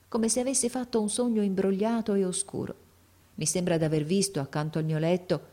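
A woman narrates a classic novel in a gentle, measured way. Her voice sits on the low side for a woman. The delivery is steady, in the manner of a literary audiobook.

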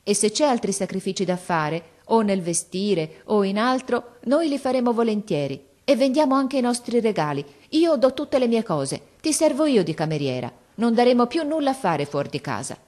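A woman's voice: fairly high pitch, big pitch swings, moderate pace, few pauses, darkish tone, voice pushed up. A woman reading aloud and voicing a resolute, loving young girl who pleads earnestly and insistently.

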